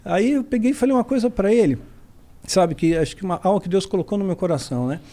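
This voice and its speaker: A man, a podcast guest telling a story in a lively way. He acts out the dialogue and tags nearly every sentence with a quick question. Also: high-pitched. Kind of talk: storytelling in a casual podcast chat.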